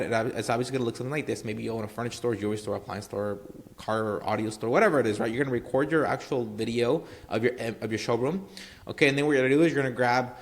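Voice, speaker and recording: A marketing tutorial host talks through a screen share in a casual, rambling way, his pitch in an ordinary middle range. He leans heavily on fillers, keeps saying "obviously" and "right," and regularly checks in with the viewer.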